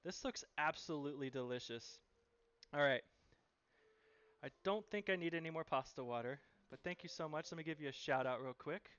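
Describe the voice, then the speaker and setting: A man's voice: on the high side, fairly quick, fairly bright tone, clear, resonant tone, muffled recording. Upbeat man hosting a cooking stream. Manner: upbeat, thanks viewers while cooking. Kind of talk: live cooking stream chat.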